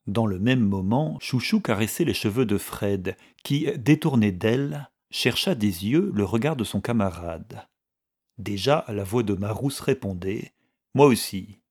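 A man reading a novel aloud as narrator, measured and steady. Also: on the low side, husky.

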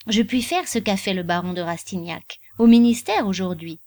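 A woman's voice: mid-range voice, animated, moderate pace, darkish tone, no room sound, natural voice. A woman reading the part of an earnest, passionate young male nobleman in an audiobook.

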